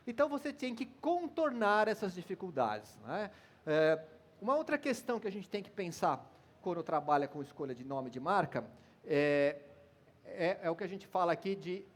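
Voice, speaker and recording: A middle-aged Brazilian man giving an informal, lively marketing lecture, telling stories with examples. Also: high-pitched. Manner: conversational, lively storytelling with brand examples.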